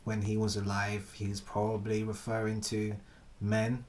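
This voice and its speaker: A man's voice: fairly low pitch, monotone, normal speed, a little mellow, slight background noise. A man in a casual philosophical chat, thinking aloud with hesitant restarts.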